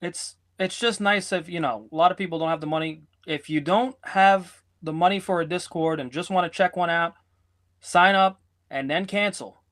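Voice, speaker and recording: Man, podcast co-host, casual banter, joking, rambling, teasing, slightly high voice. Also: normal speed, fairly bright tone. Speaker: sports betting podcast co-host.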